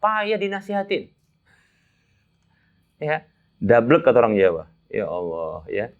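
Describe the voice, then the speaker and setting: Lively chatty man giving pilgrims a lesson. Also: fairly low pitch, moderate pace, gravelly. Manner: lively, chatty, laughs at his own stories. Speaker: umrah guide teaching pilgrims. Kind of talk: religious instruction talk. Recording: dull lo-fi sound.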